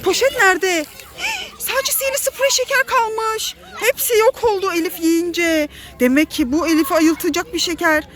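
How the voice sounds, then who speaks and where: Filming her children for a family pretend-play vlog, a Turkish-accented mother speaks to her kids in a very high voice. At a normal speed, she packs her narration with excited, dramatic warnings.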